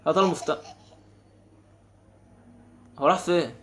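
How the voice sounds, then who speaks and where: A young man with an Egyptian Arabic accent giving casual, exasperated commentary while playing a game. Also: fairly high pitch. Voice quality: quick, animated, exasperated banter. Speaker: gaming channel host.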